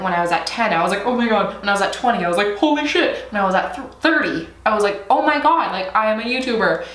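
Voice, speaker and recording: A young woman chatting through a makeup tutorial, a little stuffy from allergies, swearing playfully and breaking into squeals. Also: mid-range voice. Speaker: beauty vlogger. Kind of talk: casual makeup tutorial chat. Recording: echoey room, faint noise.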